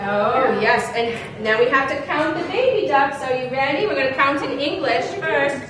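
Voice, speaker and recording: A woman's voice: high voice, expressive, normal speed, crowd noise. A middle-aged woman leading a storytime, talking and singing to toddlers in a sing-song, encouraging way, as if reading to a toddler. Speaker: children's library storytime leader. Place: library children's room, indoors, group on the floor. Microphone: far camera. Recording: roomy, distant camera mic, noisy room.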